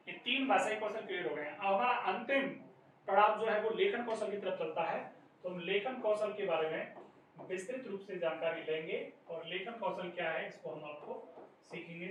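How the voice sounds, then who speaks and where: Speaking with a high, fairly bright voice, a male teacher explains exam material step by step, regularly calling his audience friends. It's recorded in a classroom with a far-off mic, noticeable echo, and slight noise.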